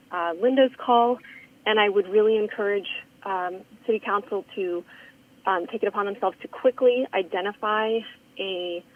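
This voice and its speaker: Female phone caller, earnest and halting, mid-pitched voice over a thin telephone line. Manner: earnest, many ums and restarts. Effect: phone call. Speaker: public comment caller. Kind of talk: public comment.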